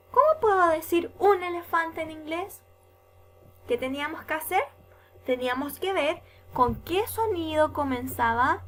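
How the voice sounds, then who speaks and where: A woman's voice: high-pitched, fairly bright tone. A woman with a Chilean Spanish accent teaching English to young children, patiently repeating words and asking frequent check questions. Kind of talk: recorded bilingual classroom lesson for young children.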